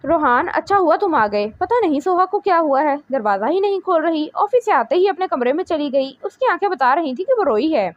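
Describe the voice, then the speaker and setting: Audiobook part: anxious mother, read by a woman, high pitched, dull dry sound. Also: big pitch swings, a little fast, hardly any pauses. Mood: worried. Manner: anxious, pleading. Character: worried middle-aged mother, anxious.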